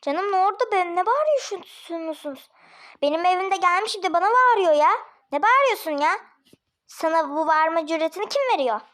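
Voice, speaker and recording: A woman's voice: extremely high pitch, normal speed. Woman playing a blustering, defensive husband. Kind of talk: homemade family drama play.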